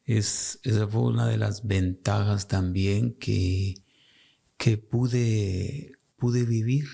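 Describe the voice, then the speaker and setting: A man from El Salvador with a Salvadoran Spanish accent, a pastor speaking as a guest on a radio interview, measured and hesitant, often answering with short murmurs of agreement. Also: lowish voice, fairly even intonation, vocal fry, warm tone.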